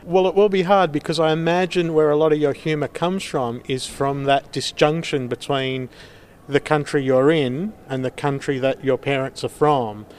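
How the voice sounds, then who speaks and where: A man interviewing a comedian on radio, asking measured, thoughtful questions. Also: fairly high pitch, fairly even intonation, slight background noise.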